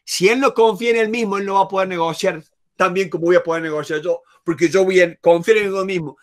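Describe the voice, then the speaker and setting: Man, Argentine accent, high voice, emphatic negotiation teacher, repeats key words. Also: steady tone, fast. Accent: Rioplatense Spanish. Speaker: negotiation trainer. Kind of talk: lively online masterclass.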